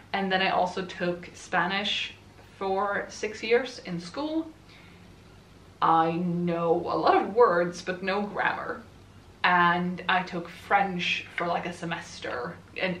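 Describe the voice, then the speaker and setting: Her voice mid-range and a bit bright, a Swedish woman in her twenties who vlogs about books chatters and rambles while building furniture, laughing often. The camera is some distance from her in an echoey room at home, and a little hiss or hum comes through.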